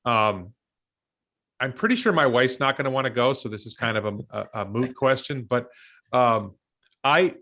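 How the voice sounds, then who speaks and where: An American man in his fifties talks through his ideas in a casual discussion. His voice has a bright, forward ring. He thinks aloud, stopping and restarting his sentences with plenty of ums. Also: medium pitch, lively intonation, moderate pace. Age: 50s. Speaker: show host and investor.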